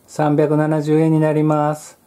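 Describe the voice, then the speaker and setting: A speaker in a talk imitating a flat, machine-like, robotic clerk reading lines in a mechanical monotone. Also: medium pitch, unhurried, natural voice. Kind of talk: mock demonstration in a talk.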